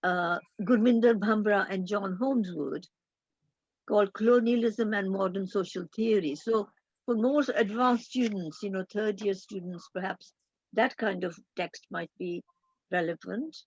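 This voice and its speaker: A woman's voice: mid-range voice, husky, no room sound, highs cut off. Thoughtful older woman on a video call. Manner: measured, thoughtful, with frequent hesitations. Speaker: guest academic. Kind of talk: academic roundtable discussion.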